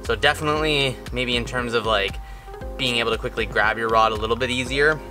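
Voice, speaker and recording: A man's voice: mid-range voice, fairly quick, over music. A man in his thirties casually explaining a how-to job in a backyard, chatty and rambling, with lots of fillers. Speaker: outdoor channel host. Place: backyard lawn, outdoors.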